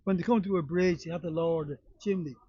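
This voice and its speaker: An older man with a Dublin Irish accent, reminiscing in casual conversation in a halting way, with repeated yeahs. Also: on the high side, steady tone, mellow, breathy edge, no echo, muffled recording. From Dublin, Ireland. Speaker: local resident being interviewed.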